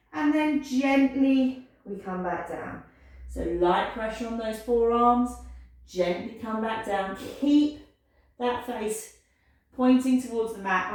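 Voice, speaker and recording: A woman leading a pilates class, giving calm, encouraging cues and counting down holds. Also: mid-range voice. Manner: encouraging, gentle cueing, counts down aloud. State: slightly out of breath at times. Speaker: pilates instructor. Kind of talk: guided exercise class instruction. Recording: echoey room, voice from a distance.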